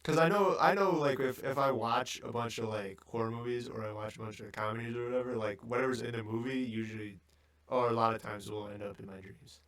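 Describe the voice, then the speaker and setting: A man's voice: medium pitch, brisk. Rambling young man in casual chat. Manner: rambling, filler-heavy, loose and animated. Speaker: podcast co-host.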